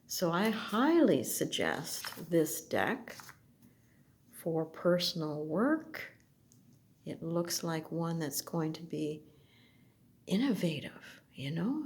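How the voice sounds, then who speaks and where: A woman slowly looking through an oracle deck, speaking softly and at times dropping to a whisper. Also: lowish voice. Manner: soft, slow, gently admiring, drifts into whispers. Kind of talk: slow unboxing commentary.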